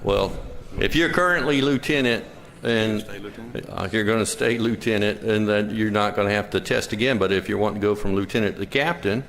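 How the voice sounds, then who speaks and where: A man explaining a bill as a state senator in a deliberate, halting, conversational way. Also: on the low side, fairly bright tone. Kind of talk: informal legislative explanation. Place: large legislative chamber. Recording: long echoing hall reverb.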